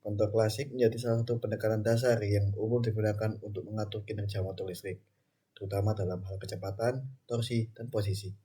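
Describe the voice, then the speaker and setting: A man's voice: on the low side, flat delivery, fast talker, dark tone, breathy edge. A young man from Indonesia, a student reading through his class slides in short phrases, with small restarts and "okay, next" between them. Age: young adult. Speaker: student presenter.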